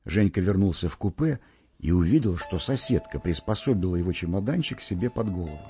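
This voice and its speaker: A man narrating a short story aloud in an expressive, wry storytelling manner. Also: low-pitched, fairly quick. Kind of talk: audiobook reading of a short story. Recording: dull lo-fi recording with faint music.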